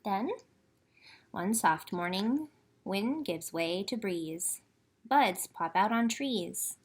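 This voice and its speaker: Slow-paced and slightly rough, with a medium pitch, this woman hosts storytime for children at the library. She speaks to her young listeners directly, reading and chatting in simple, expressive terms.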